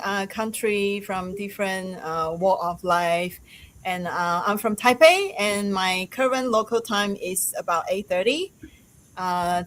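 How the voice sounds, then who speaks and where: A woman hosting a casual live-stream chat, laughing often and pausing on fillers. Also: medium pitch, poor audio. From Taiwan. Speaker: host.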